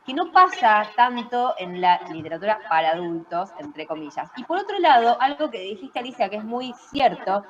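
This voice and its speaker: A woman's voice: medium pitch, very animated, normal speed, few pauses, lo-fi sound. A woman with an Argentine accent, an invited author, reflecting thoughtfully and searching for words. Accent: Argentine Spanish. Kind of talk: reflective conversation on a video call.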